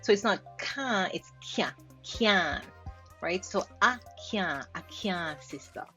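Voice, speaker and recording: A woman's voice: mid-range voice, expressive, slow pace, pushed and bright, soft background music. A Jamaican woman linguist explaining pronunciation. She repeats words aloud to show how they sound and laughs lightly. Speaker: linguist host. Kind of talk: explaining pronunciation while reacting to clips.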